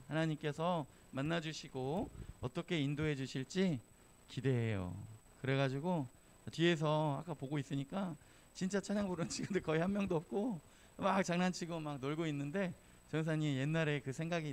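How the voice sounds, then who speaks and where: A man preaching to a church youth group in a chatty, joking storytelling manner. His voice sits a bit high for a man, and he keeps slipping into little acted quotes. It is a relaxed sermon, far from a formal one. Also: a little hiss or hum. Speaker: youth pastor. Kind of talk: casual storytelling sermon to teenagers.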